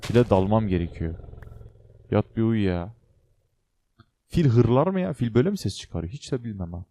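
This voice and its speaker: A man's voice: lowish voice, fairly quick, mellow, dry recording. A young man hosting a casual game let's play, chatting to viewers and to the creatures on screen with joking exclamations. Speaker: gaming channel host.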